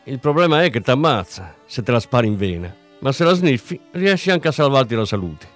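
A man's voice: medium pitch, very animated, a little fast, faint music behind, natural voice. A man voicing a cocky, chatty drug dealer with a mocking, breezy patter, in an audiobook reading. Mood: boastful.

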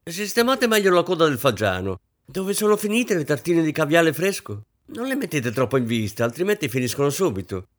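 A man putting on a shrill, frantic rich lady. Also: big pitch swings, fairly quick. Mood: frantic, bossy. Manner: shrill, bossy, overwrought. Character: frantic, fussy, vain rich middle-aged woman.

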